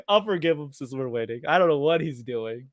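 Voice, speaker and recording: A man hosting a live soccer watchalong for his viewers, talking excitedly and slipping into when emotional. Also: fairly high pitch, moderate pace, no echo, studio quality. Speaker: watchalong host. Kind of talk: live match commentary to viewers.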